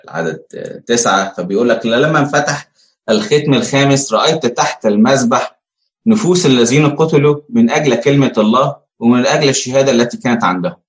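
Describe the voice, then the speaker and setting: Man, Egyptian accent, conversational preacher, rhetorical questions, roomy echo, mid pitch. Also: fast talker. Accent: Egyptian Arabic. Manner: conversational teaching, rhetorical questions, many fillers. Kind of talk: sermon. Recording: echoey room.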